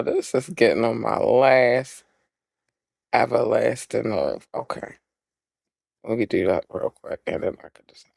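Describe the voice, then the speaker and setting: A woman's voice: extremely low pitch, vocal fry, darkish tone, slightly rough, no echo, clean studio sound. A woman hosting her own podcast in a casual solo chat. She is chatty, repeats her catchphrases and breaks off to fix her setup. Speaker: podcast host.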